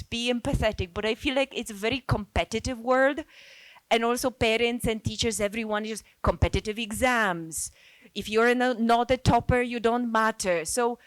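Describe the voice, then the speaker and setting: In a low-quality recording, a woman with a fairly high voice joins a group discussion as a participant. She is a Polish NGO worker and native speaker, earnest and informal, musing aloud as she reflects.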